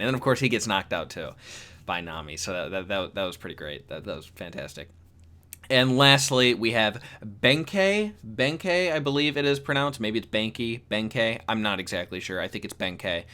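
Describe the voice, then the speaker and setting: Young male YouTuber, low-ish bright voice, rambling, restarts often, excitable. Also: clean tone. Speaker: YouTube manga commentator. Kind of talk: casual solo review chat.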